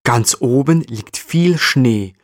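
A man narrating a children's story gently and speaking directly to the listener. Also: mid-range voice, animated, slow pace, no room sound, clean studio sound.

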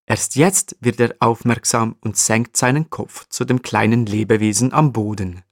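A man narrating a children's story in a calm, evenly read way. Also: mid-range voice, normal speed, no room sound, clean studio sound.

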